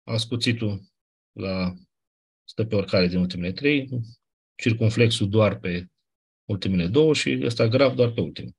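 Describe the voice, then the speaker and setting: A man teaching a class, his voice low and a little husky. He explains patiently and informally, checking whether his students follow and going back over the key rules.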